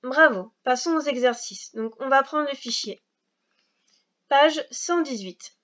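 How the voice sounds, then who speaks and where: A woman teaching a recorded reading lesson for young children, explaining slowly, patiently and step by step. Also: high voice, animated, fairly bright tone, lo-fi sound.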